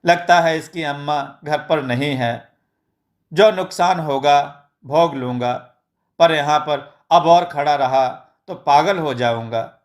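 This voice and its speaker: A man's voice: a little high, takes it slowly. A man voicing a timid, exasperated street vegetable seller.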